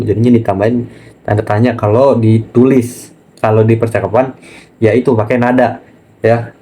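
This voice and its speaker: A man teaching a casual online language lesson, chatty and relaxed, often pausing on fillers and speaking to viewers as friends. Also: medium pitch. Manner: chatty, keeps saying "nah" and addressing viewers as friends.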